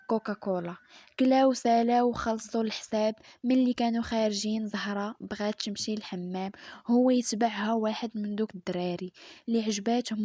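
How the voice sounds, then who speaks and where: A woman with a Moroccan accent narrating a story in a hushed, half-whispered voice. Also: medium pitch, dry recording, studio quality.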